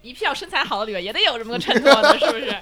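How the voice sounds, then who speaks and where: A woman hosting a casual chat show, teasing her guests and quick to laugh. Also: sits high, expressive, over loud music. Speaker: podcast host.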